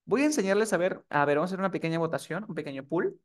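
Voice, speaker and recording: Male English teacher, a little high-pitched, runs a live online class and keeps checking in with students. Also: very animated, racing. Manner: asks the class frequent checking questions.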